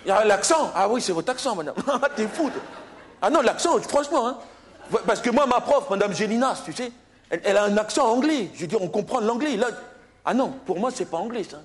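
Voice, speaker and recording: On a live comedy stage, a man performs a stand-up sketch as a brash young candidate at an oral English exam, arguing and stammering. His voice sits high and he speaks in an animated, brisk way, with a little hiss or hum on the recording. A loud crowd laughs throughout.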